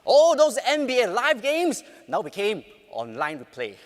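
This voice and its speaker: A forty-year-old man with a Bruneian accent giving a rehearsed motivational stage speech, projecting loudly and dramatically with deliberate pauses. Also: high-pitched, huge pitch swings. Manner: loud, projected stage delivery. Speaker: contest public speaker. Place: on stage in a large hall. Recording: reverberant large hall.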